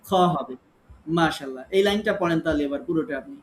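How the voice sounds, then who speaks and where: A man's voice: a little high, fast talker, a little hiss or hum. A man teaching Quran recitation in an online class, with a Bangladeshi Bengali accent, calling on students one by one and patiently correcting their reading.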